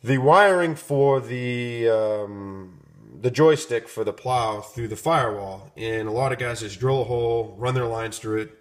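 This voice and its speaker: A man casually walking through hardware kits in his garage workshop, rambling with many ums and restarts, filmed on a handheld phone. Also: on the low side. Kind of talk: casual off-the-cuff product walkthrough. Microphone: handheld phone camera, speaker off-screen.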